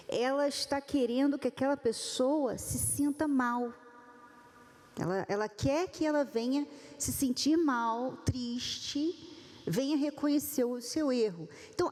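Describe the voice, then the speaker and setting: A woman gives a church-style talk on relationships, her voice pitched high. She speaks with animation and acts out the people she quotes. Long reverb from a large hall hangs behind her. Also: darkish tone.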